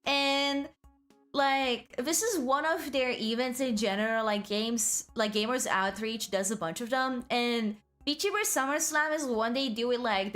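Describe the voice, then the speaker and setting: High-voiced woman, cute anime streamer. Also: fairly bright tone. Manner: rambling, frequent "like" asides. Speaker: VTuber livestream host. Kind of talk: casual livestream chat.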